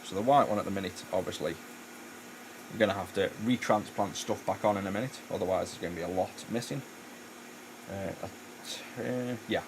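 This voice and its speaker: A man's voice: low voice, creaky, noisy background. A man chatting casually while repairing electronics, rambling with many fillers and restarts. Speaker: electronics repair channel host. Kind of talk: casual chat while working.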